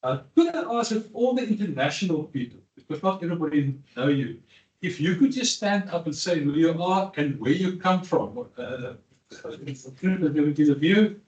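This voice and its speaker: Halting man in an echoey hall. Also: fairly high pitch, lively intonation, a little mellow, lo-fi sound. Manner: hesitant, repeats words, joking. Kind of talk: ceremonial welcome speech. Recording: echoey hall, mic far off.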